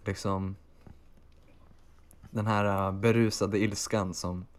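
Male co-host, somewhat low voice, overwrought melodrama for laughs, video call. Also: little pitch movement. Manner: theatrical, overwrought phrasing. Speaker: podcast co-host. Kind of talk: melodramatic comic chat.

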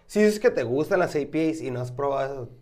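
A man's voice: mid-range voice, expressive, a little fast, dark tone. A man with a Mexican accent hosting a casual podcast chat over a beer tasting, joking crudely and swearing often. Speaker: podcast host.

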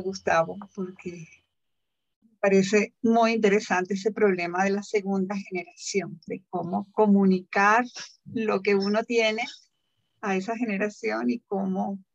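A woman's voice: medium pitch, highs cut off. A woman politely putting a long question to a writer during a panel talk. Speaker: audience questioner.

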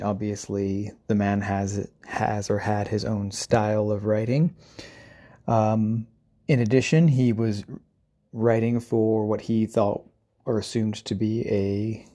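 A man talks as a solo podcast host, explaining in an informal lecturing way. His voice sits fairly low, with plenty of fry and a dark, relaxed tone.

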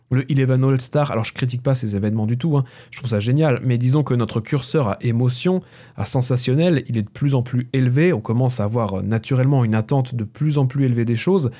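A man's voice: mid-range voice, warm tone. A man in his thirties hosting a casual solo podcast, rambling and self-mocking with lots of fillers, close to a mic with a pop filter. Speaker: podcast host. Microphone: close microphone with pop filter.

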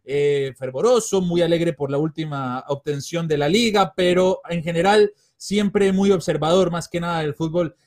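A man's voice: a little high, normal speed, hardly any pauses, darkish tone. A man from Colombia, a sports journalist and podcast guest, talking enthusiastically and rambling with fillers. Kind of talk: casual podcast chat.

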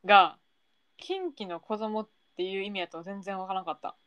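A woman's voice: mid-range voice, moderate pace, smooth, no room sound, muffled recording. A young woman with a Kansai accent, co-hosting a casual, playful podcast chat. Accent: Kansai Japanese. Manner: animated, playful banter. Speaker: podcast co-host.

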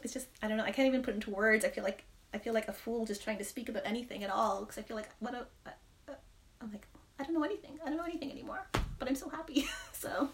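Woman in her 30s, kinda high voice, rambly faith podcast chat, laughs a lot. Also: fast talker, a little hiss or hum. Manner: rambling, reflective, laughs often. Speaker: podcast co-host.

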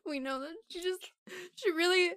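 A woman's voice: extremely high pitch, normal speed, fairly bright tone, no room sound, studio quality. A woman in an improvised comedy murder mystery, playing it melodramatic and fake-tearful. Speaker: improv player. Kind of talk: improvised comedy role-play.

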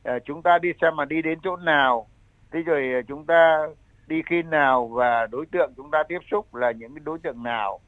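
An older man explains public health advice as an expert guest, in halting, repetitive phrasing. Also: on the high side, no echo. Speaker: medical expert guest, senior health adviser. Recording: thin phone-like line.

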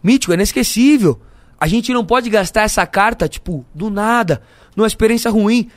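A man's voice: high voice, fairly quick, dry recording. A young Brazilian man telling candid stories as a guest in a casual podcast chat, full of slang and laughter. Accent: Brazilian Portuguese. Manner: candid, laughing storyteller who fills his talk with slang.

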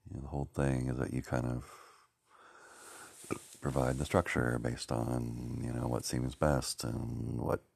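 A man musing slowly and haltingly, searching for words with many pauses and fillers. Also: extremely low pitch, completely flat delivery, creaky, a little mellow, slightly rough, no echo. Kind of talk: rambling reflective talk.

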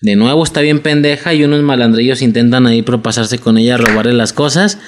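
A young adult man with a Mexican Spanish accent, chatting about a TV drama in a relaxed, slangy way as a podcast co-host. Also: mid-range voice, brisk, noisy background. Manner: relaxed, slangy, laughs along. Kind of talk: casual chat recapping a drama.

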